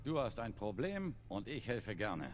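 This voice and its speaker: A man's voice: on the low side, very animated, a little slow, crowd noise. An actor voicing a world-weary male synth private detective in a video game, talking in a dry, matter-of-fact way. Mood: wry. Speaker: game companion character.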